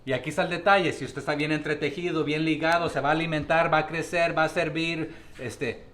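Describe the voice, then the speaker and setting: A man's voice: on the high side, little pitch movement, quick pace, fairly bright tone. A man teaching a Bible study to his congregation, often asking questions and using fillers.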